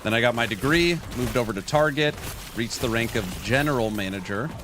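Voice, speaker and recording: Over a noisy background, a man in his late thirties from California talks a little fast in an expressive, medium-pitched voice. He's streaming a game, joking around casually and reading viewer chat aloud.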